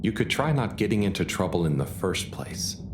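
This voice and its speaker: A man voicing a gentle, naive and kindly video game character who talks in a mild, hesitant, earnest way. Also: low-pitched, sing-song, normal speed, background noise. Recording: music behind the voice. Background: clear music.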